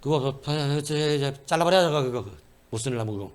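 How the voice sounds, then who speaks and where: A man's voice: mid-range voice, moderate pace, lightly acted. A man voicing an impatient vineyard owner curtly ordering a barren tree cut down. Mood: dismissive. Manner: gruff, curt orders.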